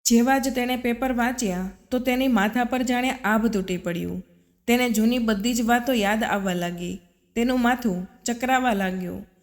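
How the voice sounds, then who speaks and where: A woman narrating a family story in a measured, dramatic storytelling manner. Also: on the high side. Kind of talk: scripted narration. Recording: long reverb.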